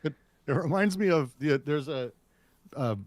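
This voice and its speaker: A man's voice: a little high, unhurried, dry recording, studio quality. Blunt, exasperated man on a podcast. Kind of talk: casual podcast chat.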